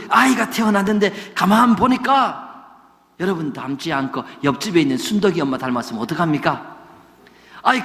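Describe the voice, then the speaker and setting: Man, pastor, sermon, gyeongsang accent, lively swinging pitch, long hall reverb. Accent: Gyeongsang Korean. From Gyeongsang region, Korea. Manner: animated preacher, mimics regional dialects for humor. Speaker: senior pastor.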